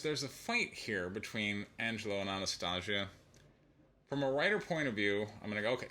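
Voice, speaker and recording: A man's voice: fairly low pitch, sharp tone. A man giving an opinionated, casual spoken review of a comic book, thinking aloud as he goes.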